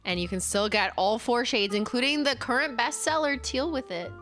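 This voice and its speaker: This is a young Canadian woman, livestream host and brand founder, speaking with a Canadian English accent while sick and losing her voice. Her fairly high, slightly bright voice moves at a moderate pace over faint music. She's chatty, laughs a lot and slides between English and French.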